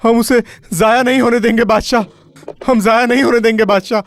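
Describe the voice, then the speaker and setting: A man's voice: very high-pitched, fairly even intonation, a little fast, no echo. A man dubbing a film role as a defiant young freedom fighter, mourning a fallen leader and vowing to fight on. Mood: grieving vow. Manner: mourning, vowing revenge over the dying. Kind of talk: dubbed film acting. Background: film score music.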